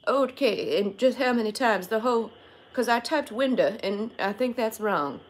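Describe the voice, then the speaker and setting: A woman's voice: a little high, lively intonation, moderate pace, rough recording. A young woman voicing a confused, literal-minded old woman in an improvised prank call, hesitant and befuddled. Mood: puzzled, literal. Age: young adult. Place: small furnished bedroom.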